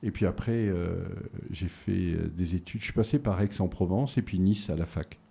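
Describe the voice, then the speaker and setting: A middle-aged man from southern France, the guest in a relaxed conversational interview, answers questions in a very low, dark, mellow voice that is gravelly and slightly rough. Recalling his past, he speaks hesitantly, pausing on fillers and restarting his sentences.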